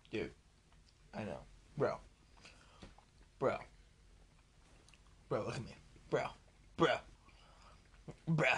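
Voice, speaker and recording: A man's voice: mid-range voice, a little hiss or hum. A drunk young man co-hosting a podcast in casual chat, crude, joking and rambling. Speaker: podcast co-host.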